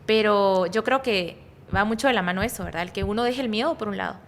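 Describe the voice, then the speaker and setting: A woman's voice: medium pitch, fast talker. A woman pastor with a Guatemalan accent, talking casually on a podcast, rambling and interrupting herself, often ending phrases with little tag questions. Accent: Guatemalan Spanish. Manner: describes herself as speaking softly but energetically. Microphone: studio podcast microphone, kept at a distance.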